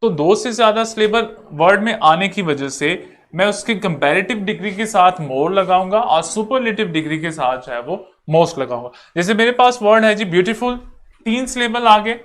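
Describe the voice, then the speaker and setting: A man teaching an online lecture, going over each rule slowly and repeating it step by step. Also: high voice, lively intonation, a bit bright. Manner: repetitive, explains slowly step by step.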